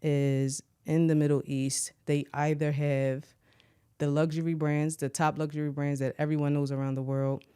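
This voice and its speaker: An American woman from Philadelphia, a shoe designer, talking as a podcast guest in a relaxed, conversational way. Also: deep voice, moderate pace, clean tone. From Philadelphia, USA. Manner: relaxed, conversational, often asks "you know what I mean". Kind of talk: casual interview talk.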